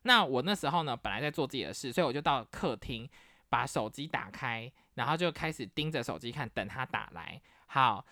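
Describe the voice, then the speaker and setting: Speaking a little fast in a very deep voice, this podcast host from Taiwan chats through a casual storytelling monologue about her family, performing each person's quoted lines with lively flair. There's no echo, just clean studio audio.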